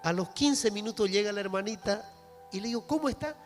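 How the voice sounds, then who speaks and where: A Bolivian pastor preaches a fervent sermon to his congregation in a church hall, speaking Spanish with a Bolivian accent. His voice is high, fairly quick and fairly even in intonation. The hall is reverberant, with music in the background.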